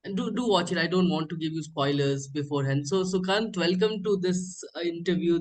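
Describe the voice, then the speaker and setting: A man with an Indian accent hosting an informal interview, phrasing his questions haltingly and repeating words. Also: a little high, rough recording. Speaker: interviewer, host.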